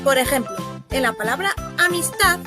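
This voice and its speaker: A woman with a Spain Spanish accent giving a scripted grammar lesson for children, slowly drawing out each example word. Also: high voice, animated. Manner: slow, stretched-out spelling of example words. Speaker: narrator of a children's grammar video. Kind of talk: scripted educational narration. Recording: clip with loud children's music behind.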